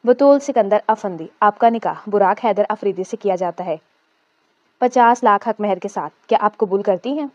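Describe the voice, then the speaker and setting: A woman voicing a male marriage officiant who recites the vows slowly and formally. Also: mid-range voice, a little mellow, no room sound, muffled recording, lightly acted.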